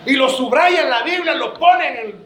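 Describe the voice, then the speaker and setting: A man's voice: very high-pitched, normal speed, pushed and bright, echoey room, slight background noise. A man preaching a sermon to his church, joking and calling his listeners brother.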